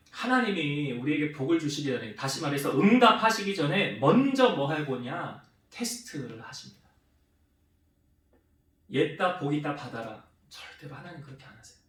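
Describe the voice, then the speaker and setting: A male pastor preaching a sermon, asking questions and answering them, and acting out quoted speech. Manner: asks the congregation questions and answers them himself; acts out quoted speech with shifts in pitch and loudness. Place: church sanctuary. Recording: roomy church hall with the mic some distance away.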